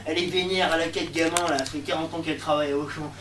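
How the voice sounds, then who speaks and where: A young man performing a comic monologue in slangy street talk, breaking into sudden shouts. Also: on the high side, steady tone, racing. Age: young adult. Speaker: stand-up comedian. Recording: echoey room, far mic, faint noise.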